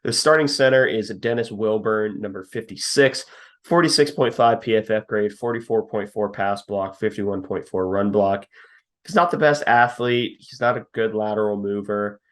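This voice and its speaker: Low-voiced young man breaking down football. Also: normal speed. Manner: detailed, reads stats, laughs at his own jabs. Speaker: podcast co-host. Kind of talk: casual football scouting talk.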